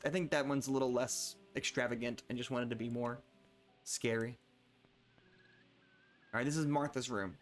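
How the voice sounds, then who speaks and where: A young man talks his way through a game as he streams it. He reads in-game letters aloud and rambles, often tripping over words and starting again. His voice sits at a middling pitch. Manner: rambling, self-correcting, stumbles over words. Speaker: gameplay streamer. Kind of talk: casual let's-play commentary and reading game text aloud.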